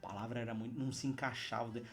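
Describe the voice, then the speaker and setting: An earnest male pastor with a Brazilian Portuguese accent reads scripture and then preaches on it, urging his listeners one moment and speaking softly and closely the next. His pitch sits in an ordinary middle range for a man. A faint guitar plays quietly underneath. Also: steady tone, racing, creaky. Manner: earnest, exhorting, drops into soft intimate tones. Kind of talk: Bible reading with devotional commentary. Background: faint guitar music.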